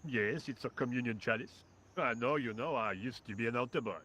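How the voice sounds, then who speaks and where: A man's voice: medium pitch, a little fast, bright, forceful tone. A man voicing a lazy, sarcastic French workman in a video game, with a French accent and a dry, indifferent drawl.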